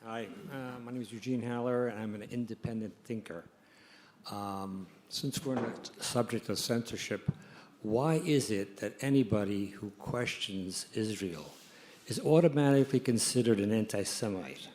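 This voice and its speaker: A man's voice: on the low side, moderate pace, a little mellow, a little hiss or hum. A man in the audience at a live event, introducing himself with a formal, slightly hesitant manner before asking his question.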